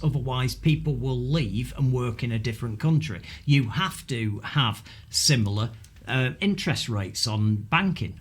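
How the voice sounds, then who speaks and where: A man with a Mancunian accent co-hosts a political podcast, ranting bluntly and argumentatively about the news in an opinionated chat. His voice is mid-range and husky.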